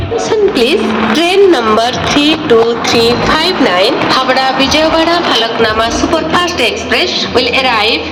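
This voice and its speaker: Woman's slow announcement over a station loudspeaker. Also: sits high, expressive. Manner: slow, measured, drawn-out announcing. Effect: heard over a station loudspeaker. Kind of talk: recorded train arrival announcement. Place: railway station platform. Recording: echoey public-address loudspeaker with loud music.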